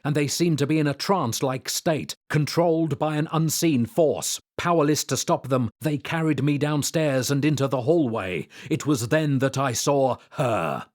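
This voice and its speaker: A man reading scripted comic narration in a deadpan, pun-heavy delivery. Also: mid-range voice. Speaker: satirical narrator.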